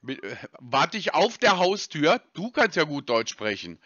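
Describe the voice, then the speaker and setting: Taunting high-voiced man on a prank call. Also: sing-song, measured pace, pushed and bright, dry recording, muffled recording. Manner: taunting, insulting, repeats jibes. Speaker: scam-baiting caller. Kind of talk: mocking prank phone call.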